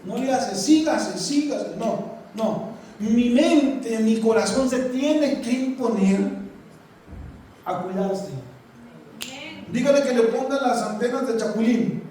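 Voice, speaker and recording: Male pastor, very high voice, folksy and joking sermon, picked up far off in an echoey church with faint noise. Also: takes it slowly, long pauses, dark tone. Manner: colloquial, joking, addresses the congregation directly. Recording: echoey hall, distant mic, faint noise.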